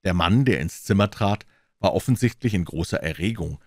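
A man reading a crime story aloud as narrator, in a low, calm and measured way. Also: no room sound, clean studio sound. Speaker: audiobook reader.

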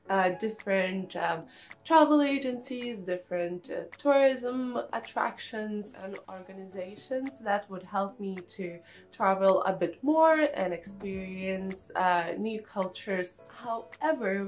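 A woman's voice: medium pitch, low-quality recording. Young lithuanian-accented woman on her sofa, chatty and friendly, lots of ums and "really really", faint music behind. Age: young adult. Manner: friendly, chatty, many fillers and repeated "really". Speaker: international student. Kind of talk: casual talk to camera. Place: small indoor room, seated on a sofa. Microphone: camera at close framing.

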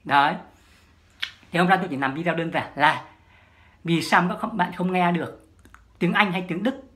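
A woman's voice: lowish voice, steady tone, normal speed, a bit bright. A woman, a language-learning vlogger giving a solo advice monologue, emphatic and repeating her key points.

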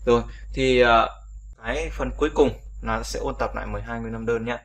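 A man's voice: mid-range voice, fairly even intonation, brisk. A Vietnamese-speaking man teaching English vowel sounds in a casual video lesson, repeating each sound and chatting with viewers.

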